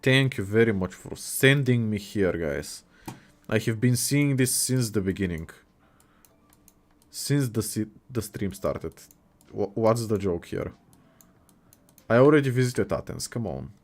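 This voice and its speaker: Speaking in a fairly low, animated voice, the young man takes his time and pauses often. He's a Bulgarian livestream host, Bulgarian by first language, reading viewers' chat aloud and reacting to it with casual, jokey banter.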